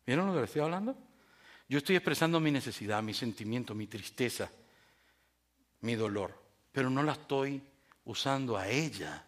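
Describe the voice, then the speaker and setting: A man preaching a sermon, speaking straight to his congregation, moving between loud raised phrases and soft, low, confiding asides. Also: lively intonation, normal speed, pauses often. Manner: addresses the congregation directly with rhetorical questions. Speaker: pastor.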